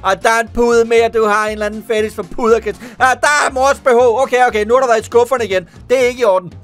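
Male YouTuber on animal-video reactions: a high, playful voice full of exclamations, over soft music. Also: flat delivery. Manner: playful, exclaiming, jokey asides. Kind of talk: comedic video reaction commentary.

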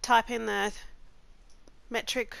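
Gravelly, nasal woman with the flu. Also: on the high side, level tone, slow pace, a bit bright, no room sound. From Australia. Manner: casual, step-by-step instructing. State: has the flu. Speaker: gaming channel host. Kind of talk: gameplay tutorial narration.

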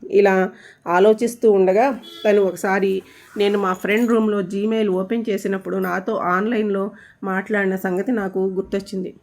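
A woman narrating a scripted ghost story in steady, suspenseful storytelling. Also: medium pitch, moderate pace.

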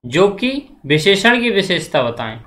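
A man's voice: high-pitched, very animated, measured pace, fairly bright tone. Hindi grammar teacher quizzing his class. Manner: repetitive, asks the class questions and answers them; checks in often. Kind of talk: exam-prep grammar lecture.

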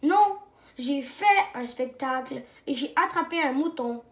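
A woman reading a storybook aloud, voicing an eager, shy little boy who exclaims with excitement. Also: sits high, measured pace. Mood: excited. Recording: roomy echo.

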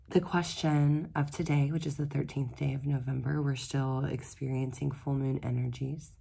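A woman who is losing her voice, speaking hoarsely and reflectively as she gives a daily tarot reading. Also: deep voice, mellow. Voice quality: gravelly, husky voice. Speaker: tarot reader.

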